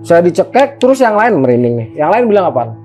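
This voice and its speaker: A man with a Jakarta accent telling a story as a guest in a casual, animated, slangy way, often turning to address the host. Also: high-pitched, fast talker, faint music behind. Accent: Jakarta Indonesian.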